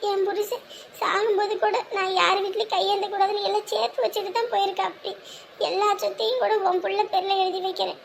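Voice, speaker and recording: A woman's voice: extremely high pitch, little pitch movement, fast talker, vocal fry, a little hiss or hum. An actress playing a tearful widow who pleads with her relatives in a family drama. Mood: pleading.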